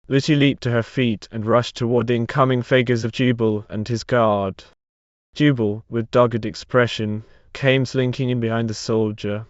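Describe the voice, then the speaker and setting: A man reading an old romance novel aloud in even, measured narration. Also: mid-range voice, no echo. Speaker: story reader. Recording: slightly dull dry recording.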